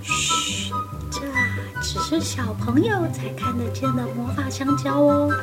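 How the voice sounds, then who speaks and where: A woman playing a hushed, secretive shop clerk. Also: high-pitched, wildly swooping pitch, over loud music, heavily acted. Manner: quiet, hushed and quick.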